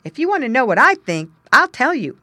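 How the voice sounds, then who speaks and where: A woman's voice: a little high, big pitch swings, normal speed, bright, forceful tone, no echo, voice pushed up, heavily acted. A woman voicing an earnest, shrewd young male beaver in a storybook reading, speaking insistently and with emphasis. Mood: firm.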